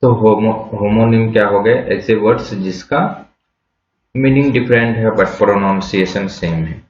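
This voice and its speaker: A man teaching English vocabulary in a slow classroom explanation, spelling words out letter by letter and asking rhetorical questions before answering them. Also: lowish voice, darkish tone. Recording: echoey, dull lo-fi room sound.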